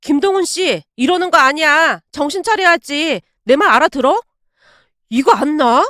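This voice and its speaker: A woman's voice: sits high, animated, normal speed, fairly bright tone, no room sound, clean studio sound. A woman voicing a teasing young sister-in-law. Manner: chatty, teasing.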